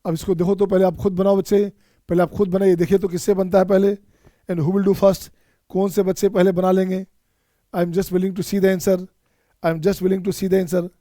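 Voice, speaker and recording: A man's voice: high-pitched, dark tone, no room sound, clean studio sound. A man from India teaching math in an online exam-prep lecture, mixing Hindi and Indian-accented English and coaxing his students, whom he calls children, to solve each step themselves.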